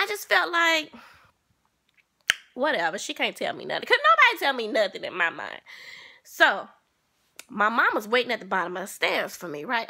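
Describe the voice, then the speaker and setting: A woman vlogger telling a personal story to her viewers in an animated, sassy way. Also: a little high. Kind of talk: casual storytelling.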